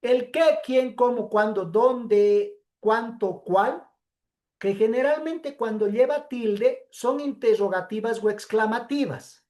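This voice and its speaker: Speaking in a slightly high voice with a darkish tone, a woman teacher gives a pre-recorded class lecture. Her explanations are slow and step by step, and she often checks in with "¿sí?".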